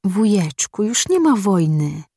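A woman voicing a patient young woman who gently soothes a frightened old relative. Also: mid-range voice, sing-song, slow pace, slightly rough, no echo, clean studio sound, pitched above the performer's own voice, heavily acted. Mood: soothing. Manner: soft, soothing.

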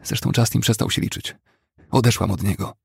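A man's voice: lowish voice, steady tone, brisk, gravelly, husky, no echo, clean studio sound, pitched above the performer's own voice, full character voice. Madeleine, a frightened young woman, read by a man. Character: distraught young woman fleeing her husband.

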